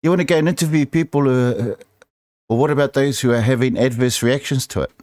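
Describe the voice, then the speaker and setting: A man's voice: mid-range voice, fast, a little mellow. Middle aged maori accent nz guy doing a radio show rant, sweary n casual, dry sound no room echo. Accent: Māori New Zealand English. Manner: colloquial, sweary, blunt. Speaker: radio-style show host. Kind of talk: informal opinionated monologue.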